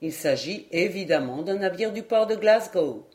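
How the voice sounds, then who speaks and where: Woman doing a young captain, polite, slow careful explaining, low mellow tone, audiobook. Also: lively intonation, close to an everyday voice. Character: young ship captain, respectful and knowledgeable.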